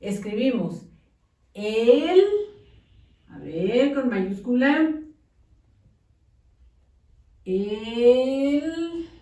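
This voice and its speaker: Slow, coaxing woman teacher. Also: on the high side, lively intonation, mellow, reverberant, distant mic. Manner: patient, coaxing, uses diminutives. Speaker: primary school teacher. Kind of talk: slow dictation lesson for young children.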